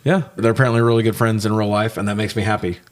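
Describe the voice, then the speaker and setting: This co-host fires off rapid words in a low-leaning voice as he reviews movies on a podcast. He complains with lots of swearing and animated energy in the casual chat.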